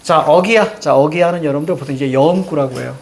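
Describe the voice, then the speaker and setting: A male literature teacher giving a lecture to students, animated and joking, with sudden loud outbursts. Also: fairly high pitch, fast talker.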